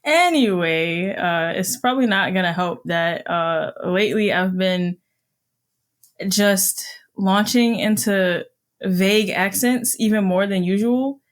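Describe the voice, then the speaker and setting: A woman's voice: mid-range voice, takes it slowly. A young woman co-hosting a podcast, chatting casually with a giggly, rambling manner and plenty of fillers. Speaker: podcast co-host. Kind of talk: casual chat.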